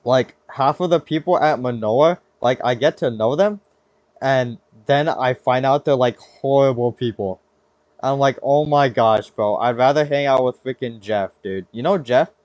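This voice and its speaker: This podcast host, a young American man, talks a little slowly in a medium-pitched, darkish voice. His casual chat is slangy and meandering, and he keeps interrupting his own thoughts. The audio has no echo and lacks high frequencies.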